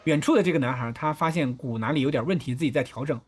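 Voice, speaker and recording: A man with a husky, slightly high voice narrates a film breakdown at a brisk pace. As a film analysis host, he methodically goes through every shot, explaining what the director is doing.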